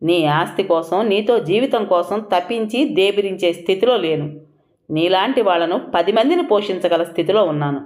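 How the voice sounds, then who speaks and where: A woman voicing a proud, stern wife who fires off sharp, taunting questions in an audiobook reading. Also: mid-range voice, expressive, moderate pace, natural voice. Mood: scornful.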